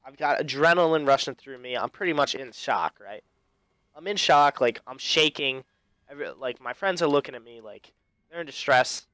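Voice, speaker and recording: A man narrating a personal story while commenting on his gameplay, talking loosely with lots of fillers and self-corrections. His voice is bright and crisp, recorded dry and close to the mic. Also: medium pitch, animated, moderate pace, no room sound. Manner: rambling, many fillers and restarts. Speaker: gaming commentator. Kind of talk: casual storytelling over live gameplay.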